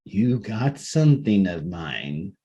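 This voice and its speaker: A man voicing a menacing male ghost who draws out his words slowly. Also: very animated, dark tone, breathy edge, muffled recording, full character voice. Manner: slow, drawn-out, low menacing calls. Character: menacing male corpse ghost, slow and hollow.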